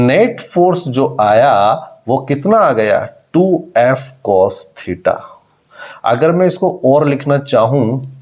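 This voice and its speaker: A man's voice: mid-range voice, a little mellow. Man teaching physics step by step. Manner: talks students through each step, calling them "beta" and "my child"; repeats key phrases for emphasis. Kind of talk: exam-prep blackboard lecture.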